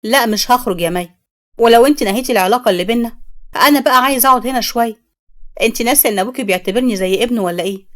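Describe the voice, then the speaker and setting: A woman's voice: fairly high pitch, rapid-fire, close to an everyday voice. A woman voicing an earnest young Egyptian fiancé. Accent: Egyptian Arabic.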